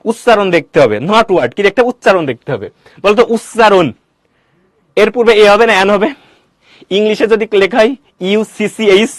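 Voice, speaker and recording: A male teacher giving a classroom grammar lecture, quizzing students with quick questions and answering them himself. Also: high voice, no room sound, clean studio sound.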